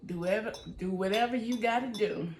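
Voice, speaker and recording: A woman's voice: medium pitch, brisk, background noise. A woman hosting a home baking vlog, chatting easily and speaking straight to her viewers from her kitchen. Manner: easygoing, chatty, talks to viewers directly. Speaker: home baking channel host. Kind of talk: casual cooking vlog chat.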